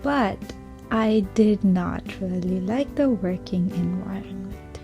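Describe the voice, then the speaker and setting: A young woman, telling her own story in a casual, earnest vlog with soft whispered asides. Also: medium pitch, slow pace, over music. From Sri Lanka. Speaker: vlogger, small business owner.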